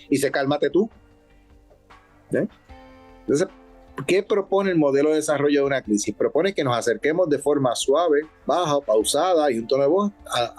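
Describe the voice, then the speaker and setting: On a health talk show, a substance abuse counselor with a Puerto Rican accent and a fairly high voice explains things calmly and deliberately. He frequently asks his listeners to agree with him.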